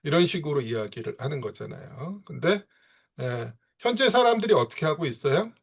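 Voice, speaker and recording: Lively man lecturing, filler-heavy. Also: a little high, brisk, husky. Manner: frequent "예" and "이제" fillers, rhetorical questions. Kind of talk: online reading-seminar lecture. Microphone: video call.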